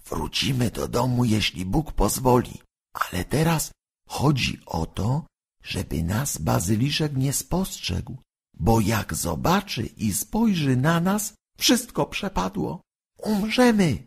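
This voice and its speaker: A man voicing a serious young boy who speaks in a hushed, trembling voice. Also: low-pitched, lively intonation, takes it slowly, husky, exaggerated voice. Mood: whispering.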